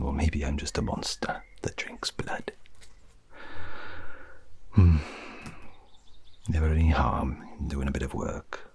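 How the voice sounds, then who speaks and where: Very deep whispered role-play, spy played by a man. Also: creaky, slightly rough, full character voice. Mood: sly. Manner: hushed, brooding monologue, drawn-out phrases. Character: sardonic, menacing retired British spy musing on his secrets.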